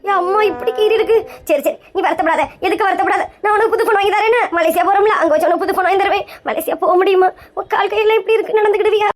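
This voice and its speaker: Shrill, fast, melodramatic woman. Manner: melodramatic wailing, scolding. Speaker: wife in comedy skit, channel host. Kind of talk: comedy skit acting.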